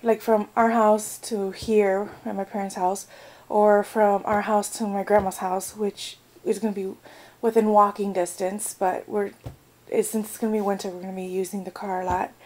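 A woman's voice: medium pitch, flat delivery, normal speed, darkish tone, poor audio. A young American woman chatting casually in a vlog, rambling with lots of fillers. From United States. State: out of breath. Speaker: vlogger.

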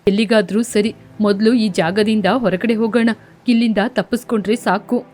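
An anxious young husband in a cartoon story speaks in a lowered voice, urgent and gentle at once, as a woman puts him on. Faint music plays underneath. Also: steady tone, normal speed, natural voice. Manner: urgent, comforting. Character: worried caring poor young husband.

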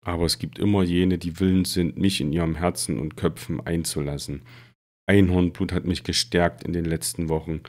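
A man reading the lines of a cold, menacing disembodied dark wizard in slow, hissing tones. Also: sits low, fairly even intonation, close to an everyday voice.

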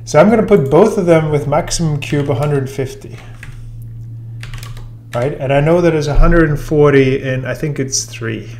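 This software trainer has a gravelly voice on the high side and talks at normal speed, relaxed and explanatory with lots of fillers. Slight background noise accompanies the casual tutorial, filmed first by a brick wall and whiteboard and then narrated over a screen recording.

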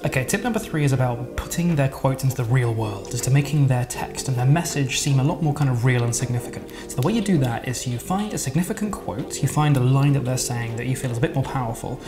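Relaxed man talking you through editing software on a screen recording, chatty and easygoing, mid-pitched voice with music playing softly under him. He sounds loose and informal, like he's thinking out loud. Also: fast, few pauses. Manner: chatty, relaxed, with fillers and laughs. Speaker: video editing tutor. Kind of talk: casual screen-recorded tutorial.

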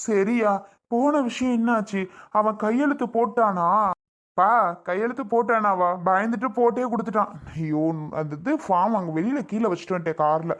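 A woman voicing an elder brother who calmly reassures his father and sister. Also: medium pitch, close to an everyday voice. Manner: reassuring, matter-of-fact. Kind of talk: family skit acting.

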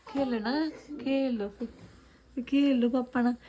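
A woman's voice: high-pitched, steady tone, unhurried, warm tone, poor audio. A woman with an Indian Punjabi accent chatting casually in a home vlog, playful and doting, often repeating phrases as she coaxes her child. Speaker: family vlogger, mother. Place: at home, indoors.

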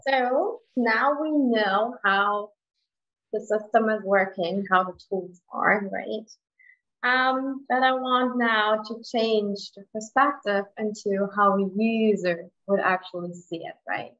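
A woman presenting software in an online webinar, hesitant, with frequent ums and rhetorical "right?" checks. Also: medium pitch, slow. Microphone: video call. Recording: lo-fi video call audio.

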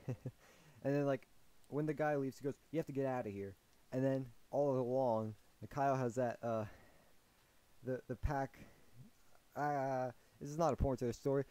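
A man's voice: mid-range voice, warm tone, clear, resonant tone. A young man rambling through a storytime vlog, with many fillers and restarts. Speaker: vlogger.

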